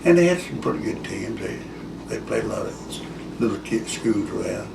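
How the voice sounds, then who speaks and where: An elderly man telling a rambling grandpa story in casual, folksy, halting talk. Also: fairly low pitch, lively intonation, creaky. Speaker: war veteran recalling his school days. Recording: echoey room, distant mic, loud hiss.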